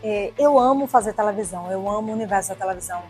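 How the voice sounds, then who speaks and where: A woman in her forties with a Pernambuco accent, a TV presenter answering interview questions in an expressive, chatty way. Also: medium pitch, racing, soft background music. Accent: Pernambuco Portuguese. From Pernambuco, Brazil. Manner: warm, expressive, chatty with frequent tag questions.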